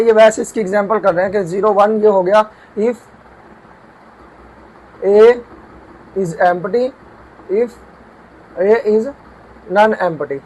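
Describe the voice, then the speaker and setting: High-voiced man teaching a math lesson. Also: darkish tone, rough recording. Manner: explains step by step, repeats and asks himself questions. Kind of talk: whiteboard math lecture. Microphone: camera mic while writing.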